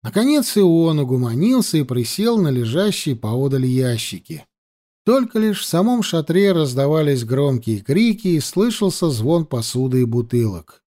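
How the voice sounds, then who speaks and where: A man narrating an adventure story in an even, measured way, as an audiobook. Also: fairly high pitch.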